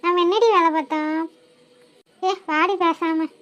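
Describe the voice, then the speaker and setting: Picture chatty, teasing village girls in a cartoon, all voiced by one woman. Their voices are very high and piercing. They banter bossily. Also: unhurried, highs cut off. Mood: cheerful. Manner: lively, teasing, bossy banter. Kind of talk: cartoon voice acting.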